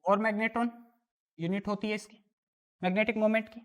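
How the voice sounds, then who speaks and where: In a classroom lesson, a woman from India explains worked chemistry exam problems in a steady, mid-range voice at a fairly quick pace, asking the class questions and answering them on her own.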